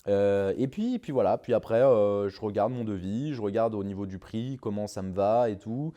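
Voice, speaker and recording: A man's voice: fairly low pitch, normal speed, mellow, dull audio. A man hosting his car detailing channel, answering viewer questions in a casual, hesitant way with many fillers and restarts. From France. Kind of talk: casual vlog Q&A.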